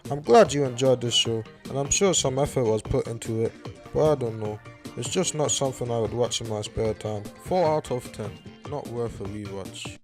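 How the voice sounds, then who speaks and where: A man's voice: medium pitch, moderate pace, soft background music. A young man giving casual commentary on a cartoon in a sarcastic tone, with plenty of swearing.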